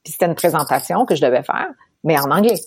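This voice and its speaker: A woman from Quebec with a Québécois accent, telling her story as an interview guest, animated and laughing often. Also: sits low, quick pace, husky. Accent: Québécois French. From Quebec, Canada.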